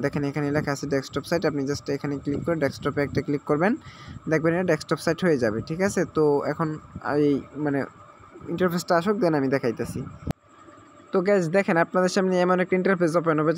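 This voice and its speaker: Man, rapid instructions, slightly high voice, faint background noise. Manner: repetitive step-by-step instructions, frequent check-ins; mixes English words into speech. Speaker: tutorial host. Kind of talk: screen-recorded app tutorial.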